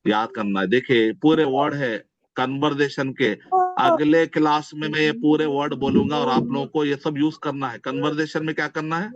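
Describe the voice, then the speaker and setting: Male teacher, slightly high voice, drills vocabulary by slow repetition, muffled dry online-class sound. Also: fairly even intonation, no room sound. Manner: drills words slowly, repeating each several times. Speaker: Arabic teacher.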